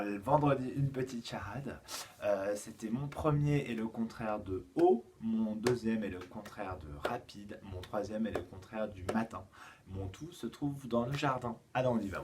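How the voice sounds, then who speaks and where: A man with a French accent, a kindergarten teacher giving a slow, patient home-schooling lesson to young children. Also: fairly low pitch, noisy background.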